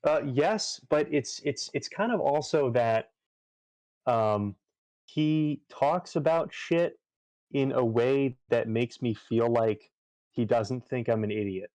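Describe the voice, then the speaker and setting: A man's voice: medium pitch, slow pace, darkish tone, dry recording. A man chatting casually on a livestream, rambling with lots of fillers and restarts. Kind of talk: casual chat while gaming on a livestream.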